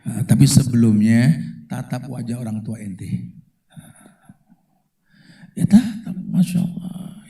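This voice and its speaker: A man preaching a casual, slangy sermon, animated and acting out the people he quotes. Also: medium pitch, vocal fry, reverberant. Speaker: Islamic preacher.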